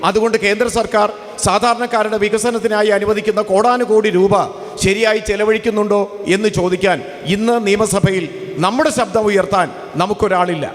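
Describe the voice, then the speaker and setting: A man's voice: high-pitched, steady tone, fairly quick, long reverb tail. A man interpreting a campaign speech for a crowd in a formal, declamatory way with repeated phrasing.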